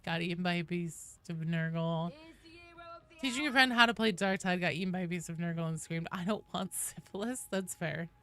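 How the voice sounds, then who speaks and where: Hosting a laid-back game stream, this woman speaks in a fairly low, smooth, fairly bright voice at a brisk clip. She bantered playfully with her viewers, teasing and joking, and breaks into abrupt exclamations.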